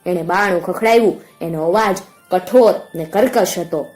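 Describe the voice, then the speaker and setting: A woman storyteller narrating a village folk tale in a calm, expressive storybook manner. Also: lowish voice, moderate pace, faint music behind.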